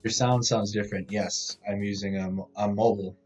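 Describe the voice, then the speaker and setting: A live-stream news host gives a casual news rundown from a hotel room, his lowish voice sounding tinny, like a tin can, through a laptop microphone. He speaks briskly and a little mellow with little pitch movement, stumbling over headlines as soft background music plays.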